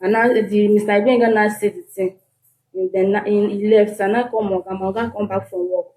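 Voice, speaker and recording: A woman's voice: medium pitch, fairly even intonation, brisk, mellow. A woman with a Nigerian accent speaks Nigerian Pidgin mixed with English, recounting a grievance as a tenant into a handheld microphone. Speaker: complainant tenant. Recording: echoey room, handheld microphone.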